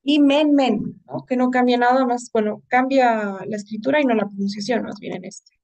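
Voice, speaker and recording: A woman's voice: a little high, normal speed, darkish tone, recorded from a distance, lo-fi sound. A woman English teacher giving a writing lesson, explaining patiently and often checking in with her students.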